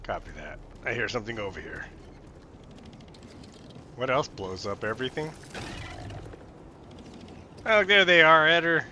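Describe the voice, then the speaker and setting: Excitable male gamer, voice swooping up and down. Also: mid-range voice, a little slow, pauses often, background noise. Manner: excitable, blurts exclamations. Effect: voice sounds as if inside a helmet. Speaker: video game player, newcomer learning the game. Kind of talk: casual gameplay chat and reactions. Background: game music, gunfire and explosions.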